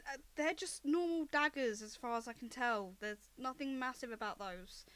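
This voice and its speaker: A woman narrating as game master, quick and descriptive, with small restarts. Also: on the high side, a bit bright.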